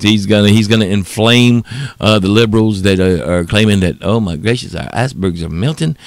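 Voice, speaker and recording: A man's voice: fairly low pitch, dry recording. A man hosting a talk radio show in a casual rambling monologue, with a Southern US accent and many fillers. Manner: chatty and rambling, laughs often at own jokes; many fillers and repeated words.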